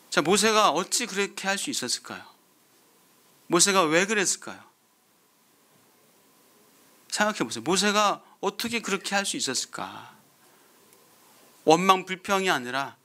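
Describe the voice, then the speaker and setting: High, bright-voiced man preaching a sermon. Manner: asks the congregation many rhetorical questions; repeats phrases for emphasis. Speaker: pastor.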